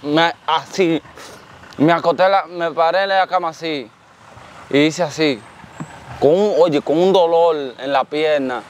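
A man's voice: fairly high pitch, unhurried, long pauses, slight background noise. A man with a Dominican accent, telling his own story in an interview, earnest and repetitive, often thanking God. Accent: Dominican Spanish. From Dominican Republic. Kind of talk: casual storytelling.

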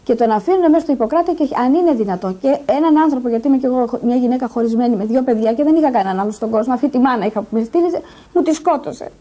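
Distressed high-voiced woman, insistent. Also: mellow. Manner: agitated, insistent, repeats herself. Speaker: interviewee, patient's daughter. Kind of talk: emotional news interview testimony.

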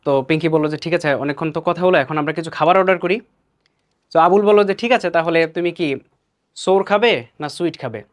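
A man's voice: on the high side, steady tone. Bangladeshi man teaching pronunciation, repeating words. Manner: explains, then repeats each word slowly. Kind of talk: explanatory lesson.

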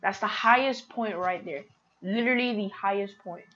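A woman giving casual, excitable commentary on her own gameplay, talking to her viewers. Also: mid-range voice, moderate pace, dull audio. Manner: chatty, excitable, talks to viewers. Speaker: gaming streamer.

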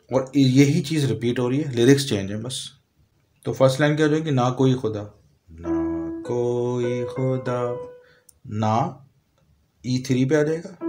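A man with a Pakistani Urdu accent, calmly explaining a piano lesson step by step, sometimes singing short lyric lines slowly. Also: medium pitch. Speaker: music teacher. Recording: piano playing behind voice.

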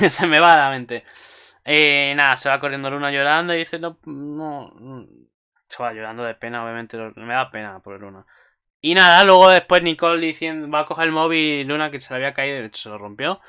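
A man's voice: mid-range voice, pushed and bright, smooth. A man casually recapping an anime episode for his channel, rambling and swearing freely with asides to viewers.

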